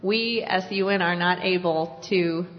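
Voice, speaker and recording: A woman in a large hall gives a measured explanation during a panel Q&A. Her lowish voice carries a long reverb. The sound is dull and lo-fi. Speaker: partner organization spokesperson. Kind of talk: panel Q&A answer.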